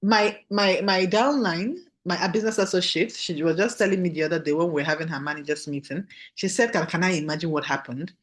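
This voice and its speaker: A woman's voice: fairly low pitch, brisk, hardly any pauses. A woman with a Nigerian accent giving a motivational training talk, emphatic and repeating key phrases while checking that listeners follow. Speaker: business trainer.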